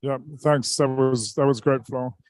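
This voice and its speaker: A man's voice: medium pitch, steady tone, a little slow. A man moderating a panel discussion at a busy conference pavilion, casual, with many fillers.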